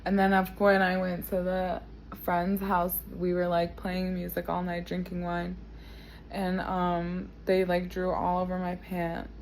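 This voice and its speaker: A woman's voice: fairly low pitch, monotone, unhurried, a little mellow, a little hiss or hum, rough recording. A woman chatting casually and rambling as she thinks aloud, with slangy, sweary talk. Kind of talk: casual rambling chat, reminiscing.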